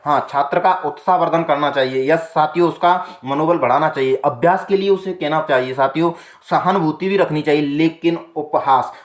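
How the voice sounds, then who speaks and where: A male teacher running an exam-prep lesson, going through multiple-choice questions one by one. He keeps calling his listeners "my companions" and says each answer twice, slowly. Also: fairly high pitch, reverberant. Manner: repeats the answer twice, slow and deliberate.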